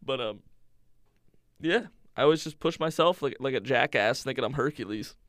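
A man's voice: medium pitch, normal speed, a bit bright, no echo, studio quality. A young man co-hosting a podcast, bantering casually with a self-deprecating, joking manner. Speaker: podcast co-host. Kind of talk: casual chat.

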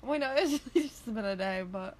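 A young woman, co-hosting a casual podcast chat and telling animated stories. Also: a little high, moderate pace, low-quality recording. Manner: animated, laughing storyteller. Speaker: podcast co-host.

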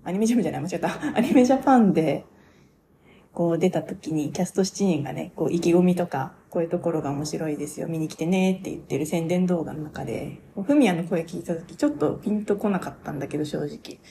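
A young woman talking casually on her own radio show, reviewing a stage play as an excited, gushing fan who laughs often. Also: low voice, fast, gravelly, hardly any pauses, a little hiss or hum. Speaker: podcaster.

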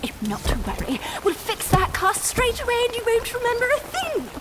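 An actress playing a brisk, cheerful female Ministry official who wipes memories, with a crisp chirpy delivery. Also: very high voice, wildly swooping pitch, noisy background, heavily acted.

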